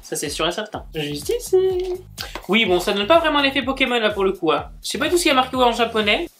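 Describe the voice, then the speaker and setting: A man's voice: extremely high pitch, very animated, fast, a bit bright, slight background noise. A man chatting casually as he unboxes gifts, gushing and exclaiming as he goes. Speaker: book and manga YouTuber.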